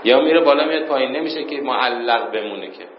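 A man teaching an informal class. He reads passages aloud in Arabic, then explains them plainly and chuckles now and then. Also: mid-range voice. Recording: roomy, dull lo-fi recording with faint noise.

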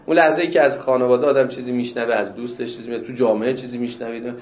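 A man's voice: mid-range voice, fairly even intonation. Man lecturing in a roomy, muffled recording. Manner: explains texts, then pushes up sharply to stress questions. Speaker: religious law teacher. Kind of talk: classroom lecture.

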